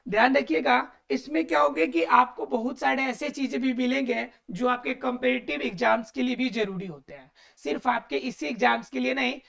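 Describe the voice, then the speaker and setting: A woman's voice: on the high side, vocal fry. A woman teaching a grammar lesson, explaining step by step, asking her students rhetorical questions and checking in often. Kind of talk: classroom-style recorded lesson.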